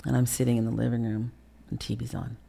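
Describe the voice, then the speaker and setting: Brief: middle-aged woman, mellow gravelly tone, candid interview guest, emotional, swears, acts out quotes. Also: extremely low pitch, little pitch movement, fast talker. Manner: emotional, profane, re-enacts quotes with sudden loud bursts.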